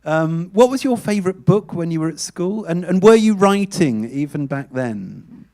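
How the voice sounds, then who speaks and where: An event host interviewing an author in front of an audience, asking steady, plain questions that open with "um". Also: mid-range voice, moderate pace. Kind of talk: hosting a question session.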